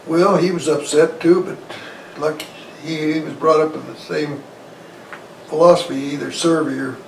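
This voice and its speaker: Being interviewed in his armchair in a small living room, a Korean War veteran in his eighties recollects his life, his manner halting, folksy and plain-spoken. The voice is gravelly, fairly high in pitch and steady in tone. A lavalier clipped to his shirt records it with a roomy, distant quality and faint noise.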